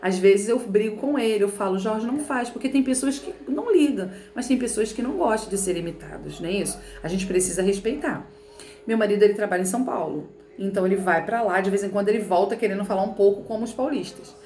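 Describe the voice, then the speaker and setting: A woman's voice: medium pitch, fast, warm tone. Chatty Carioca teacher woman, echoey room. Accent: Carioca Portuguese. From Rio de Janeiro. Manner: chatty, explanatory, frequent "né" and "tá bom". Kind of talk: remote lesson reading from a textbook.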